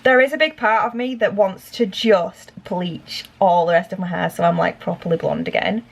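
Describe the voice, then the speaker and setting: A woman's voice: on the low side, normal speed, gravelly. A young woman vlogging casually at home about dyeing her own hair, rambling with lots of fillers and talking to herself. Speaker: beauty vlogger. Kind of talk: casual chatty vlog.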